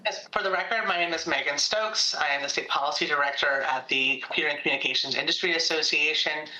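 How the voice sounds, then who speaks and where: A woman's voice: low-pitched, quick pace, bright, forceful tone. A woman policy director gives formal testimony over a video call, reading a prepared statement with small stumbles. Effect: heard over a video call. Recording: echoey video call audio.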